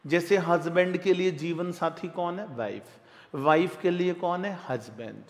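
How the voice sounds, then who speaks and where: A man with an Indian accent giving a classroom lecture on tax, lively and repetitive, often calling his students "dear". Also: high-pitched, a little slow, in a large hall.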